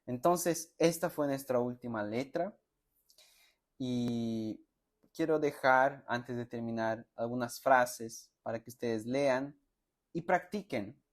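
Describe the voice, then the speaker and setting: A man teaching a pronunciation lesson, slowly sounding out example words and syllables for learners to repeat, with friendly check-in questions. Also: mid-range voice. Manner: slow, deliberate, sounds out words and syllables for repetition; friendly, addresses students directly with check-in questions. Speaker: Spanish teacher.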